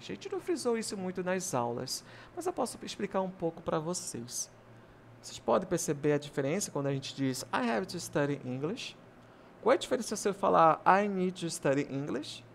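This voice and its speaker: A male English teacher giving a video lesson over slides, slowing down to stress each English example sentence. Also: sits high, gravelly, slight background noise.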